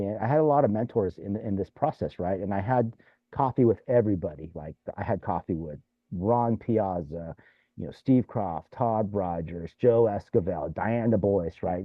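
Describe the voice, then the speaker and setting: Speaking in a fairly low register, a man who once served as mayor in California tells meandering, casual stories full of "you know" and "right?" The recording is dry with a tinny, telephone-like quality.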